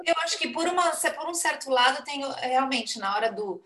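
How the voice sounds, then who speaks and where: A Brazilian woman on a podcast, giving gentle, reassuring advice in casual chat. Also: high-pitched, lively intonation, a little fast, roomy sound. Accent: Brazilian Portuguese.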